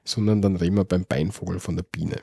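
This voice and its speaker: Man, Austrian accent, low voice, mellow tone, dry close mic, casual podcast chat. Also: steady tone, quick pace, creaky, no echo. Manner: easygoing, explains dialect words.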